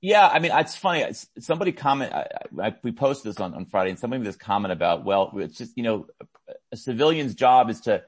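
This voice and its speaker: A man hosting an interview podcast, asking questions in a quick, conversational way with restarts. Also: mid-range voice, animated, breathy edge. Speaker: podcast host. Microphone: video call.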